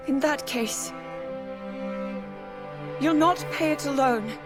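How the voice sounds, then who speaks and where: Young game princess: high, measured, gentle yet resolute. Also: female voice, music in the background. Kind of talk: video game cutscene acting.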